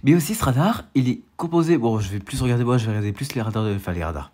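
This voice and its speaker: Racing along in an animated, slightly mellow medium-pitched voice, a young storm chaser with a congested nose from a cold rambles over a shared weather radar screen. He grumbles about being ill, repeating himself and restarting throughout.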